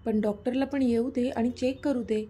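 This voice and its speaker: A middle-aged mother, anxious over her daughter yet holding firm, speaks in a spoken storybook, acted out by a woman. Her voice is husky, mellow and fairly high. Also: steady tone, moderate pace. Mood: concerned.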